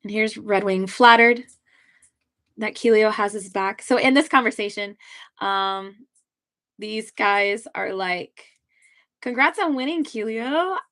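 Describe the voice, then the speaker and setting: A woman's voice: mid-range voice, fairly even intonation, slow, long pauses, fairly bright tone. A young woman, a webcomic artist, chatting casually and giddily on a livestream while she draws. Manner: bubbly, giddy, chatty.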